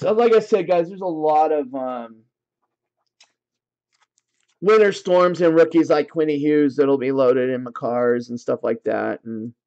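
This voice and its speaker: A man's voice: on the high side, dark tone, lo-fi sound. A man hosting a livestream card break, casually reading out card names in lists and talking to his viewers.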